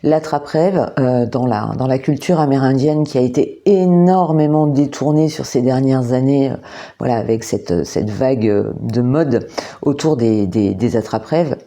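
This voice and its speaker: A woman giving a monthly astrology card reading, talking gently and hesitantly with many repeated words and fillers, indoors under artificial light. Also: very deep voice, normal speed. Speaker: tarot and oracle card reader.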